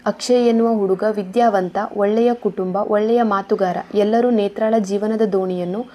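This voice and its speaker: A woman narrating an emotional scripted story in a steady, even reading voice. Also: mid-range voice, normal speed.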